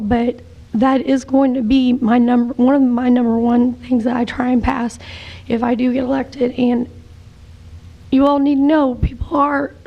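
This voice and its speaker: Woman at the podium, voice going, gravelly and monotone, lots of ums. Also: sits high. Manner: hesitant, many fillers and restarts. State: losing her voice. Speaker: public commenter. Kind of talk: public comment at a city meeting.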